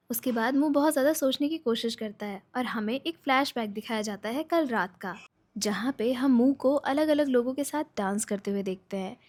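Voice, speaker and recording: A woman recaps a drama's plot in a relaxed storytelling manner, raising her voice when she delivers the characters' lines. Her voice sits high and is a little mellow.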